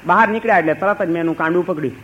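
A monk preaching a sermon in an unusually high voice for a man. He tells stories and asks ironic rhetorical questions. The recording is dull and lo-fi. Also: rapid-fire, a bit bright. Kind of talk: sermon with storytelling.

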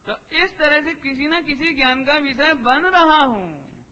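Man, sermon, high voice, bright tone, repeats key phrases, questions the audience. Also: animated, unhurried. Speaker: preacher. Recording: long hall reverb, dull lo-fi sound.

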